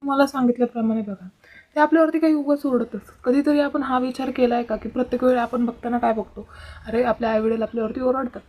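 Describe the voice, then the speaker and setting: A woman's voice: a little high, fairly even intonation, quick pace, a little mellow. A teenage girl hosting a casual advice vlog, earnest and lecturing, speaking straight to her viewers. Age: teens. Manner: earnest, lecturing, keeps addressing viewers directly. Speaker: vlogger host.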